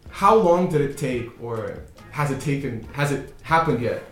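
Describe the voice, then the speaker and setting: A man's voice: mid-range voice, unhurried. A young man from Brazil hosting a casual roundtable discussion, talking loosely with many restarts. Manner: relaxed, rambling with many restarts. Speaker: podcast host. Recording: roomy echo, faint music.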